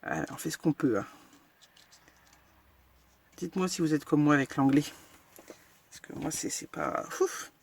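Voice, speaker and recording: A woman's voice: low voice, lively intonation, unhurried, long pauses, darkish tone, breathy edge. A woman hosting a casual crafting tutorial, chatting frankly and narrating each step as she works, with lots of fillers. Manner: self-deprecating and frank.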